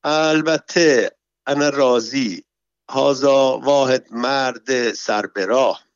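A man's voice: mid-range voice, clean tone, no room sound, pitched above the performer's own voice, natural voice. A man reading a story, voicing a frightened man disguised as a nanny who stammers in panicky broken Arabic. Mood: nervous. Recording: dull, dry recording.

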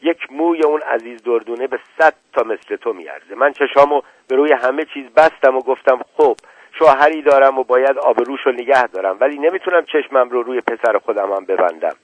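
A man's voice: mid-range voice, dry recording, dull audio, voice pushed up, natural voice. A man voicing a fierce, scornful wife and protective mother in a radio book reading, cutting in tone. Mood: defiant.

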